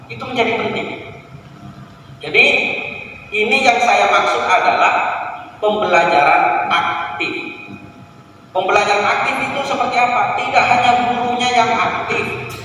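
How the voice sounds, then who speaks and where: A man's voice: sits high, pushed and bright, a little hiss or hum. A man giving a workshop lecture to teachers, asking rhetorical questions and stressing key words. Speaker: teacher trainer. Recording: echoey hall from far off.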